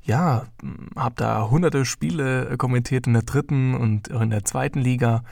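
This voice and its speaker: This German-accented podcast host is a young man in his early twenties with a gravelly, darkish, medium-pitched voice at a moderate pace. He rambles casually and fills his talk with fillers, captured in studio quality with no echo.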